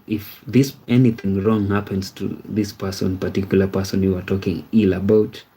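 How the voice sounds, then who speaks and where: On a casual livestream, a man in his thirties reads viewer comments, rambling and repeating himself while asking "you see?". His voice is fairly low, warm and a bit breathy. The audio quality is poor.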